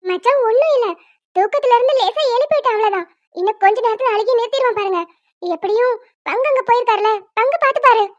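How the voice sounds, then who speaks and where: A bossy, sensible young wife, voiced by a woman in a cartoon, always scolding and lecturing. Her voice is extremely high and squeaky. The recording sounds dull and lo-fi. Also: fast talker, no room sound. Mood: reassuring. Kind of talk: cartoon voice acting.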